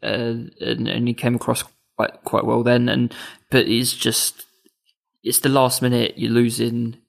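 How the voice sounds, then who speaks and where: A man talks football on a podcast in a relaxed, wry way. His voice is gravelly and barely rises or falls in pitch. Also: measured pace. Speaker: football pundit. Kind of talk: casual podcast chat.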